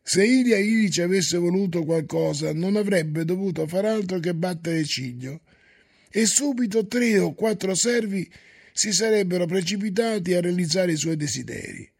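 A man narrating a novel in a calm, measured reading voice. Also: sits high, gravelly, husky. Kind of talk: storybook reading. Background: faint music.

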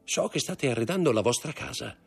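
A man voicing a scheming, greedy middle-aged banker who talks in a smooth, ingratiating way for an audiobook. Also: medium pitch, lively intonation, brisk, faint music behind, voice pushed up. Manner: smooth, ingratiating, hushed when confiding. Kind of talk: audiobook character voice.

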